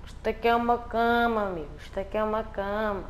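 A man's voice: sits high, fairly even intonation, quick pace, a little hiss or hum. A man with a European Portuguese accent giving joking, slangy commentary while playing a video game. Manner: joking, slangy, repetitive banter. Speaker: gameplay commentator. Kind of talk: casual gameplay commentary.

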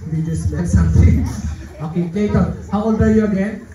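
A man's voice: high voice, normal speed, mellow, distant mic. Echoey kids' party magician, man. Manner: playful showman, simple repeated phrases, hyping up children. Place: indoor party room with seated children. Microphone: handheld mic through PA, filmed from audience. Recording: echoey PA in party room, music, children's crowd noise.

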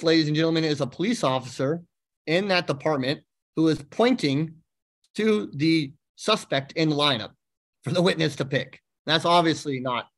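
Man, university lecturer, slightly raised pitch, explanatory, lots of "um", "okay?" check-ins. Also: a bit bright. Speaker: university psychology instructor presenting to law students. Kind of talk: lecture presentation.

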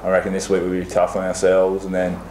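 A man's voice: low voice, monotone, fast talker, a little mellow. A young man, a basketball player answering press questions in a plain, matter-of-fact way. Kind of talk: post-match press conference. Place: small press room before a sponsor backdrop. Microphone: table mic on a stand. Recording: echoey room with faint hiss.

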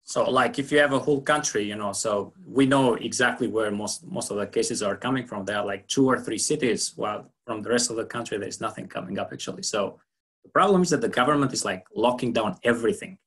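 A young man from Albania puts a question to the host over a headset on a video call. His voice is low and husky, and he hedges his words with many fillers. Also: brisk, fairly bright tone. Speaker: caller asking a question.

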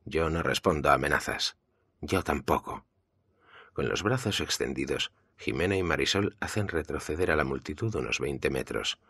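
A man from Spain, with a Spanish accent, reading an audiobook in a steady, measured way. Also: a bass voice, gravelly, breathy edge, no room sound, studio quality. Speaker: audiobook narrator. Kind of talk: audiobook narration.

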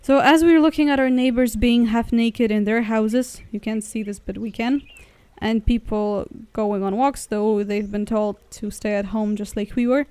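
A woman's voice: on the high side, fairly even intonation, normal speed, few pauses, warm tone, clear, resonant tone, dry recording. A young woman from Poland chatting casually as a travel vlogger while riding in a car through the woods, rambling and correcting herself as she goes. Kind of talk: casual vlog narration.

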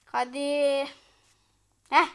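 A woman giving live gameplay commentary as a channel host, excitable and chanting repeated words at the game while talking to the viewers as friends. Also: high-pitched, very slow.

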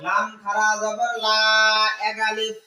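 A woman's voice: mid-range voice, level tone, takes it slowly, over music. A woman teaching Quranic letter reading by call and response, quizzing and correcting a pupil and drawing out syllables. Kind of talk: call-and-response recitation drill. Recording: echoey room, distant mic, faint noise.

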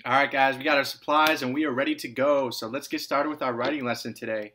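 A man with a mid-range voice moves at a quick pace through a recorded writing lesson for kindergarten and first graders, over a little hiss or hum. Patient and clear, he repeats every point and calls his young learners scholars. When reading example sentences, his delivery turns lively and sing-song.

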